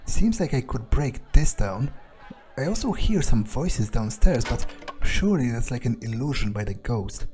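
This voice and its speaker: Speaking over music, a man with a mid-range voice narrates an in-character video game playthrough, his pitch swinging widely at a moderate pace. The improvised commentary has him thinking aloud, musing and sardonic, in an understated, casually profane manner.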